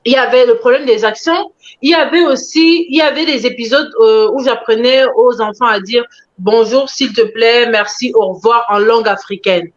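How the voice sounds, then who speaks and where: A woman interviewed about her animation work, telling her story in an expressive, animated way. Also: on the high side, normal speed. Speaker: animation creator being interviewed. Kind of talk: conversational interview answers. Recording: dull lo-fi sound.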